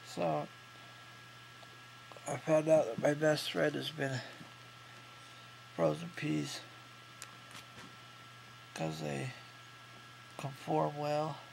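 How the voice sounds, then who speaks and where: A man in his thirties talking casually in a low-key, halting way to a video diary, congested and swollen-mouthed after surgery. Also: level tone. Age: 30s. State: congested, can't breathe through nose. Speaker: vlogger recovering from jaw surgery. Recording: clearly noisy home recording with hum.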